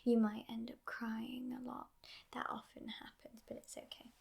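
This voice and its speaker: A woman playing a teasing but gentle devil in a whispered ASMR role-play, in a breathy, hushed voice with musing pauses. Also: fairly high pitch, level tone. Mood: musing, playful.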